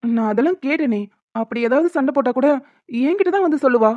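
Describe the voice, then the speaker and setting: Woman doing a worried cartoon dad, high quick voice, earnest, dull dry sound. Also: lively intonation, no echo. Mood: fretful. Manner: earnest, fretful pleading. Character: worried young father and husband. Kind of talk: cartoon voice acting.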